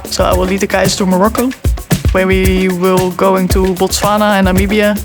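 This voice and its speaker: A woman's voice: medium pitch, flat delivery, moderate pace. A woman from the Netherlands, an adventure rider and tour leader, speaking in a documentary interview in an enthusiastic, plain-spoken way. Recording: music bed under interview. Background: music.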